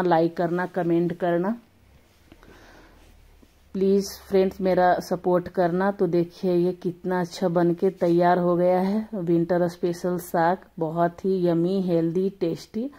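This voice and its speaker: A woman's voice: on the low side, mellow. A woman with a slightly sore throat hosting a casual home cooking tutorial in her kitchen, chatting homely and correcting herself as she goes. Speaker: cooking channel host.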